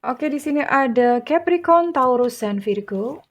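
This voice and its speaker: A woman's voice: sits high, animated, a little slow, highs cut off. Chatty woman tarot reader. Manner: chatty, teasing, laughs between remarks. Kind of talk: casual tarot reading to viewers.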